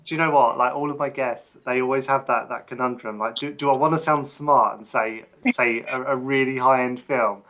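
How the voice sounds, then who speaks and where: An easygoing male host leads a casual interview at a middle pitch. He chuckles along and often restarts his sentences with fillers. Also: steady tone, moderate pace, few pauses, a bit bright.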